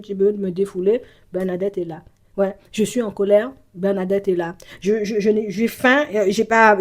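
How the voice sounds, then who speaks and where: A woman's voice: mid-range voice, darkish tone. A woman giving a spoken intuitive reading to the viewer as a psychic reader. She rambles, stammers and repeats herself, leans on constant verbal fillers, and slips into speaking in the first person for an absent person.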